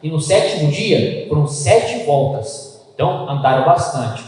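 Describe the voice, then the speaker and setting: A man preaching a sermon as pastor, animated, acting out little dialogues in playful voices. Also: on the high side, unhurried. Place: church. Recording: echoey church hall.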